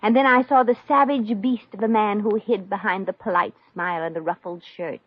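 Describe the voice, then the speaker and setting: Lightly acted with a breathy edge, this actress's medium-pitched, steady voice moves briskly with no echo as she plays a brassy, kindhearted, wisecracking young woman. The breezy, slangy 1950s radio comedy delivery comes across amused and astonished, heard through a dull old-time recording.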